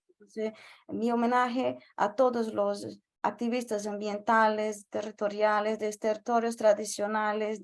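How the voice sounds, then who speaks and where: A woman's voice: mid-range voice, darkish tone. A woman from Brazil, a native Portuguese speaker with a Brazilian accent, giving a panel talk carefully and searching for words. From northeastern Brazil. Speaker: invited activist speaker. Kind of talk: panel talk in a second language.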